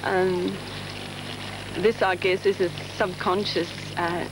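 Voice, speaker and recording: This Dutch woman speaks slowly in a fairly low voice that barely rises or falls. She reflects in a hesitant, thoughtful way during a documentary interview, captured on a hissy 1970s TV recording.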